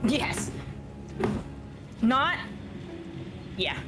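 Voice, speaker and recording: A woman's voice: a little high, drawn-out words, rough recording. A woman chatting casually with friends over voice chat while gaming, telling stories with lots of swearing. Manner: animated storytelling, heavy swearing. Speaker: player in a group game session. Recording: game music playing behind.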